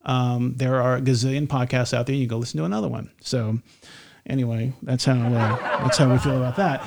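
A man's voice: mid-range voice, steady tone, a little fast, gravelly, a little mellow. A man hosting a casual faith podcast, his voice sitting in a middle register. He rambles, restarts his sentences and jokes with his co-host, with a slight lisp. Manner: rambling, self-correcting, joking.

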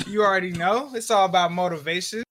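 A man's voice: high voice, fast talker, a bit bright. A young man guesting on a casual podcast, talking with joking, boastful swagger. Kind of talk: casual chat.

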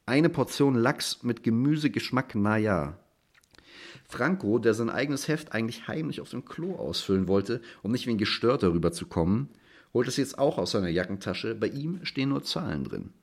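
A man reading his own literary short story aloud in a dry, measured way. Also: medium pitch, animated, vocal fry, slightly rough. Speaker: author reading at a literary stage.

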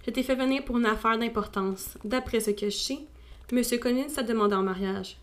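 A woman's voice: on the high side, fairly quick, lightly acted. A woman voicing a dry, detached older father in a storybook reading, placid and unbothered.

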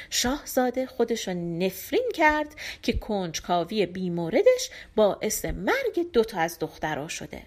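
Lady reading a fairy tale audiobook, super expressive, kinda high voice. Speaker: storyteller. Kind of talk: audiobook folk tale narration.

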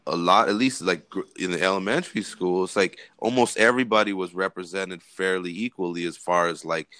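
Low-voiced hesitant man, dry sound. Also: a little fast, pushed and bright, no echo. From California. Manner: hesitant, many fillers. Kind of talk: casual conversation.

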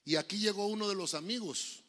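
A middle-aged man with a Honduran Spanish accent, preaching a lively sermon, telling jokes and stories and acting out voices. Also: sits high, brisk. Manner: joking, storytelling preacher, acts out voices. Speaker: pastor.

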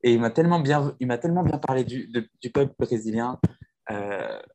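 A man's voice: mid-range voice, expressive, a little fast, dark tone. A man who teaches languages, talking earnestly in a casual conversation, with many restarts and fillers. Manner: earnest, reflective.

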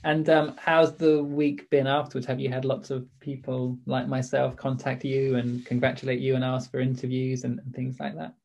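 A man's voice: medium pitch, completely flat delivery, normal speed, gravelly, hardly any pauses, a little mellow, lo-fi sound. A man works through informal interview questions. His manner is tentative, and he rephrases as he goes.

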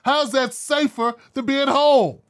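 A man with a fairly high-pitched voice delivers a blunt, heated opinion monologue. He rants in casual, profane talk and mocks others in quick put-on voices. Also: a bit bright. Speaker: commentary show host.

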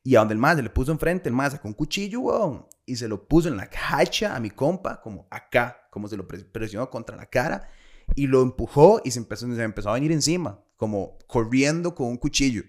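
Brief: young Costa Rican guy, mid pitch, animated slangy storyteller who laughs a lot. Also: a little fast. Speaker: podcast co-host. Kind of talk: casual storytelling.

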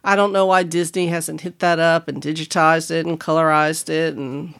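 A woman's voice: deep voice, flat delivery, normal speed, clean tone. A woman co-hosting a podcast in a casual, conversational way. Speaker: podcast co-host.

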